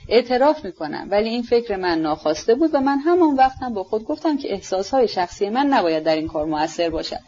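A woman reading the part of a gentle young prince who talks earnestly and pleadingly. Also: mid-range voice, very animated, hardly any pauses, slightly rough, highs cut off.

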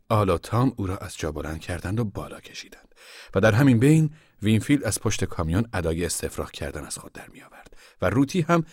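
A low-voiced man reading an audiobook in a measured, even way. The sound is dry and close, with no room around it. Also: no room sound. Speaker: narrator. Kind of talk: scripted audiobook narration.

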